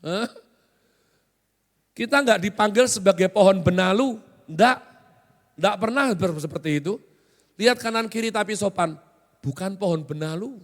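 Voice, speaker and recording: A man preaches a sermon in a large hall, and his words trail off in a long reverb. He keeps it conversational and jokey, tossing quick questions at the congregation. His voice sits well above most men's. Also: high-pitched. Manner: joking, conversational, often quizzes the congregation. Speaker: pastor. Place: large hotel hall used as church.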